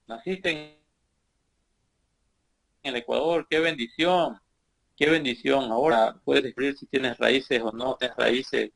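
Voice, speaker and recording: Male congregation teacher, gravelly voice, earnest sermon with emphatic swells. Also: mid-range voice. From Bolivia. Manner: earnest, repetitive exhortation with rising emphatic bursts.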